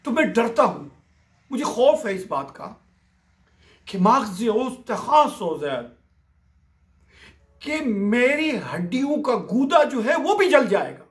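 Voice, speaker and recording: A man's voice: very high-pitched, very animated, measured pace. A man explaining a classical Sufi poem line by line, reciting each verse and then glossing its words. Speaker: poetry commentator.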